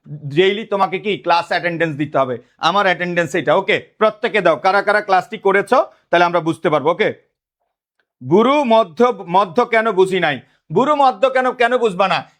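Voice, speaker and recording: A man's voice: high voice, a bit bright. A man with a Bangladeshi accent teaching a live online grammar class, asking the same questions again and again and calling himself big brother to his students. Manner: drilling students with repeated questions.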